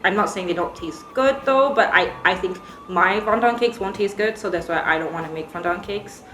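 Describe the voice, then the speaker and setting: Speaking briskly in a medium-pitched, fairly bright voice, a young baker from Singapore with an American accent answers interview questions. She's chatty, laughs easily, and says "um" often. The recording has room echo and music in the background.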